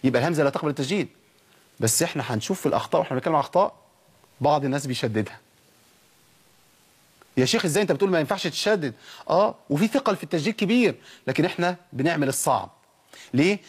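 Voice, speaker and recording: A man's voice: fairly high pitch, animated, rapid-fire, long pauses, husky. A man with an Egyptian Arabic accent teaching Quran recitation in a classroom lecture, asking questions and answering them himself.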